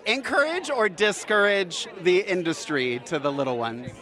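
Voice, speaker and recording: A man's voice: high-pitched, lively intonation, normal speed. A middle-aged man interviewing on an outdoor red carpet in gushing, chatty style, speaking into a handheld microphone. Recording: outdoor event with crowd chatter.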